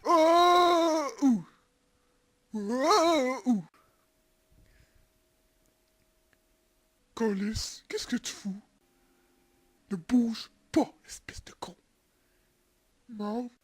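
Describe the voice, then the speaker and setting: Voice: very high voice, sing-song, slow, a bit bright, exaggerated voice. A performer with a Quebec French accent voicing a bungling, foul-mouthed burglar in a parody dub, crying out and cursing as if just hurt. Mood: angry, menacing. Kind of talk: parody film dubbing.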